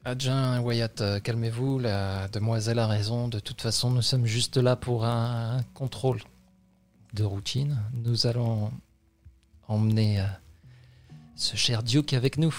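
A man doing a calm, formal police officer. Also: mid-range voice, measured pace, soft background music, natural voice.

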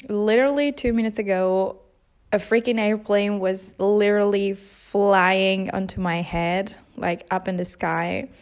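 Speaking in a medium-pitched, slightly mellow voice, this early-twenties podcast host, a native Italian speaker, chats unscripted from her couch at home. She's self-deprecating and talkative, and the recording lacks a proper microphone.

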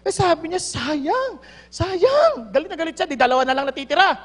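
Animated woman preaching in a reverberant hall. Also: high-pitched, racing. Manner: mixes Tagalog and English, animated storytelling with laughs. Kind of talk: sermon with storytelling.

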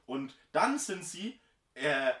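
A man's voice: a little high, big pitch swings, slow, a bit bright. Rambling young man in an echoey room. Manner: rambling, hesitant, lots of fillers. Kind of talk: casual chat. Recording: echoey room, mic at a distance.

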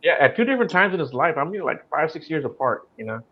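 A man's voice: fairly high pitch, big pitch swings, fast, crowd noise. A man hosting a podcast interview, chatting in a friendly, rambling way and often repeating words. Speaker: podcast host. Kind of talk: casual interview chat. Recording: dull, muffled audio.

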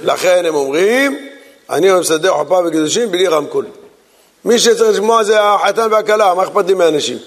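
High-voiced rabbi with a gravelly edge. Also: male voice, animated, big-room sound. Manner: acts out the people in his stories.

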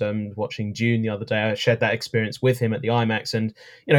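A man chatting casually and enthusiastically as a guest, his voice croaky and a little hoarse. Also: fairly low pitch. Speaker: podcast guest, filmmaker. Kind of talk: casual conversational chat.

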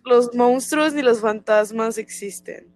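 A woman's voice: fairly high pitch, a little slow, a little mellow, no room sound. A young woman, co-hosting a casual podcast chat in a skeptical, matter-of-fact way. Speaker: podcast co-host.

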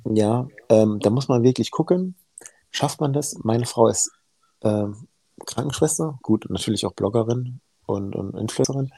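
Gravelly, dark-voiced man speaking frankly. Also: mid-range voice, moderate pace, no room sound, rough recording. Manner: frank, earnest, blunt. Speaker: heart surgeon guest. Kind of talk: candid podcast conversation.

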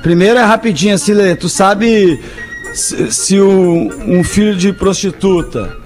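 High-voiced man telling riddles on radio. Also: unhurried, darkish tone, soft background music. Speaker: radio show regular. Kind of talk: comedic radio banter.

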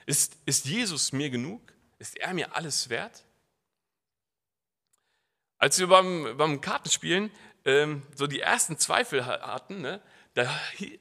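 A man's voice: fairly high pitch, a bit bright. A young man preaching a sermon in an earnest, conversational way, asking his congregation questions. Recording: long church reverb.

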